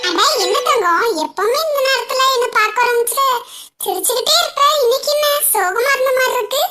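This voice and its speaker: A woman voicing a gentle, reassuring young man in love in a cartoon. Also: extremely high pitch, animated, fairly quick, faint music behind, exaggerated voice. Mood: tender. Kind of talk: cartoon voice acting.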